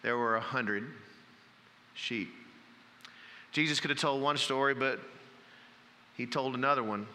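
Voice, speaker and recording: A man preaching a sermon from the pulpit, telling folksy stories and dropping to a hush for emphasis. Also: mid-range voice, a little slow, pauses often, in a large hall. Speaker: pastor. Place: church sanctuary.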